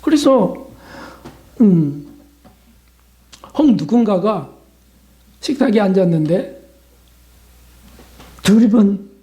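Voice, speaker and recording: A man who is a pastor, preaching a Lenten sermon in an animated way, with sudden rises in pitch and loudness, quick questions to the congregation and hushed whispers for emphasis. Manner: keeps asking the congregation questions such as "right?".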